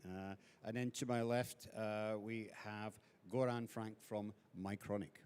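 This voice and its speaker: A man with a somewhat low voice moderates a panel discussion. He introduces the guests and asks questions, often pausing on fillers and correcting himself. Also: steady tone, a little mellow, clear, resonant tone. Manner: hesitant, frequent fillers and self-corrections.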